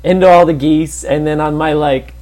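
A young man telling stories casually among friends, with crude, profane, animated delivery. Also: a little high, normal speed, crowd noise. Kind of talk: casual storytelling chat with friends.

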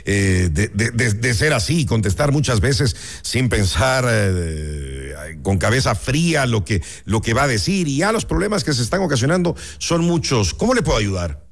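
A man hosts a radio interview in a gravelly voice that moves up and down a lot. He asks his questions in a relaxed, conversational way. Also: medium pitch, normal speed. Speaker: radio host.

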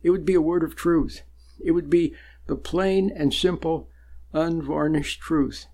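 A man giving a sermon-like spiritual talk, slow and deliberate, with long pauses and sudden emphatic rises. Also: fairly high pitch, fairly even intonation, a little mellow. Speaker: spiritual teacher.

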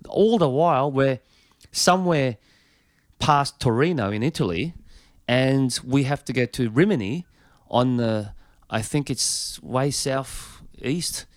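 A man's voice: mid-range voice, lively intonation, slow pace, dry recording, studio quality. A touring musician, a man, telling a long anecdote with a rambling manner full of fillers and restarts.

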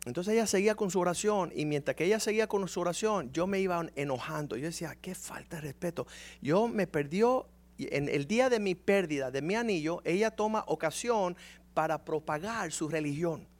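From the pulpit, a man in his forties delivers his testimony as a sermon, telling it like a story and slipping into other voices to act out each scene. His pitch sits fairly high, and his delivery is expressive and brisk.

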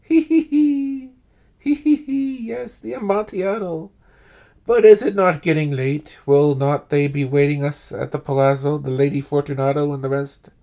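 A man's voice: fairly high pitch, moderate pace, mellow, voice pushed up, close to an everyday voice. A man voicing a drunken nobleman walled up in chains, giggling shrilly and pleading in a raised voice. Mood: manic giggling.

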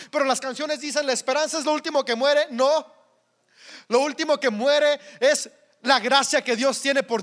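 A man's voice: extremely high pitch, fairly bright tone. A man with a Mexican accent preaching a sermon in a conversational, humorous way, often repeating words as he goes.

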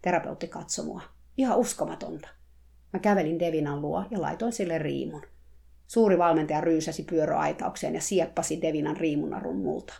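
A woman reading a first-person story aloud in a calm, measured way. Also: low voice, vocal fry. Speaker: narrator.

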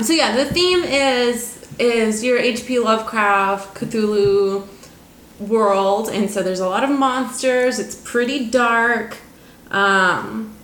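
Gushing, fairly high-voiced woman co-host. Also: fairly bright tone. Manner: enthusiastic and gushing, lots of ums, casual swearing. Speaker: board game show co-host. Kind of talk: casual board game review chat. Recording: roomy echo, faint noise.

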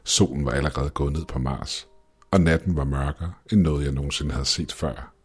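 Very deep, husky male horror narrator. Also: soft background music. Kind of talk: scripted horror story narration.

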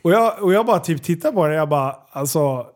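Man, higher-pitched, animated storyteller who swears and laughs a lot on a casual podcast.

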